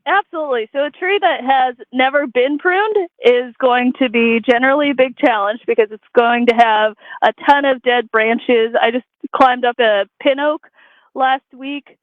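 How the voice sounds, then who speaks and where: A woman's voice: sits high, moderate pace, dry recording. Woman arborist on a tinny line. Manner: explanatory, matter-of-fact. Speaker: arborist guest. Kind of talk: interview answers. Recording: tinny dry phone-like line.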